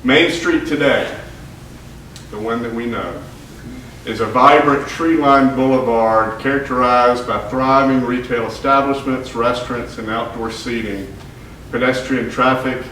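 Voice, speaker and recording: A man lectures to an audience at a mid-range pitch, his voice carrying through a very echoey hall from a distance. He starts out halting, full of fillers and restarts, then settles into reading prepared remarks. A faint hiss sits under the room sound. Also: fairly even intonation, fairly bright tone. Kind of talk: public history lecture.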